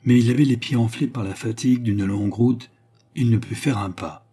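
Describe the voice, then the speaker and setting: Guy narrating an old novel, steady pace, mellow dark husky voice. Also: mid-range voice, moderate pace. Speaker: audiobook narrator. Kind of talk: scripted narration.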